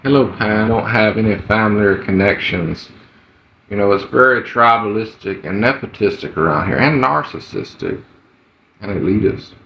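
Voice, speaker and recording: A man's voice: fairly low pitch, normal speed, gravelly. A man with a Southern US accent, chatting casually as a livestream host in a rambling, folksy way. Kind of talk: casual livestream chat, greeting viewers. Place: indoor room at home. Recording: muffled, roomy, slightly noisy livestream audio.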